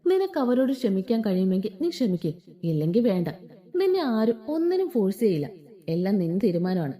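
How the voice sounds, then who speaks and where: A woman voicing a protective young husband who speaks softly and coaxingly. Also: mid-range voice, big pitch swings, a little fast, close to an everyday voice. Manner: soft, coaxing.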